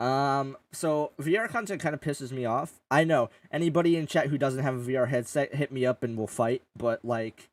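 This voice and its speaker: A man's voice: medium pitch, normal speed, few pauses, no room sound, recorded from a distance. A man hosting a casual gaming podcast, rambling and joking with a lot of swearing. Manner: rambling, swears often, jokey. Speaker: podcast host and streamer. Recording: dry, a bit off-mic.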